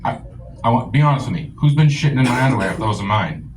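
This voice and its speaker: A man playing his swearing, indignant old grandfather in a stand-up bit, in a gruff, accusing voice. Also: mid-range voice, animated, fast, slight background noise, close to an everyday voice, low-quality recording.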